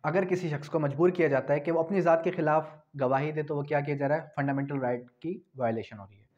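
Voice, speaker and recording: A law lecturer in his twenties with a Pakistani accent teaches an explanatory lesson at a whiteboard in a small indoor room, switching into English legal terms. Didactic, he poses questions, answers them himself and repeats key points. His voice is fairly high and a little mellow, with fairly even intonation and a quick pace, on dull, lo-fi audio.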